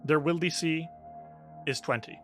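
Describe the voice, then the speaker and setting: A man working as game master, narrating a tabletop game with vivid, animated description. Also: on the high side, measured pace, soft background music.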